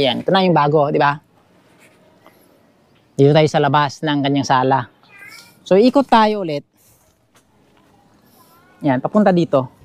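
Man, Filipino accent, high voice, dry sound, casual vlog house tour, handheld action camera, outdoors. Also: no room sound. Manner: chatty, keeps saying "guys", points things out. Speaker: vlogger giving a house tour. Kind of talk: casual walk-through vlog narration. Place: outdoors around a small bamboo house in a yard. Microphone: action camera held by the speaker.

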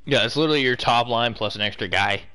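A man's voice: medium pitch, quick pace, bright, forceful tone, clear, resonant tone. A young man in casual gaming chat, trading crude, sweary banter. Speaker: online hockey game player.

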